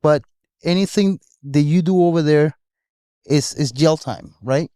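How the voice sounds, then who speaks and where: A man's voice: fairly high pitch, unhurried, warm tone, smooth, dry recording, clean studio sound. A man who co-hosts a podcast and talks earnestly and motivationally about his life, at times searching for words. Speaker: podcast co-host. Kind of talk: casual podcast chat.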